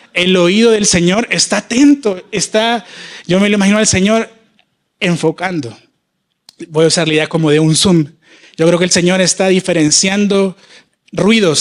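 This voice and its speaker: A man from El Salvador delivers a fervent sermon in a church, his voice sitting high for a man. He voices heartfelt prayers aloud and stretches key words out for emphasis. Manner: impassioned preaching, voicing prayers aloud, drawn-out emphasis. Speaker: prophet preaching.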